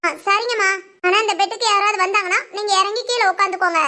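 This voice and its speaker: A woman's voice: very high-pitched, steady tone, fast, sharp tone. A woman voicing a young hospital nurse in a family cartoon, polite and reassuring. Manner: polite, reassuring, explaining patiently. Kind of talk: Tamil family cartoon voice acting.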